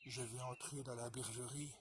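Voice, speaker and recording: A man voicing a hungry, sly male wolf in a told folk tale, speaking in a hushed, scheming way and howling softly. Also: medium pitch, fairly even intonation, moderate pace, noisy background, pitched below the performer's own voice, lightly acted.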